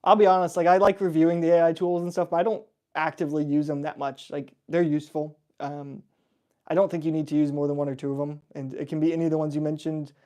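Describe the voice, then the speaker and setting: A young man's slightly high, warm voice carries a casual livestream Q&A in which he reads out viewer questions and replies. He talks fast with a flat delivery, yet stays chatty and relaxed, laughing and using fillers often.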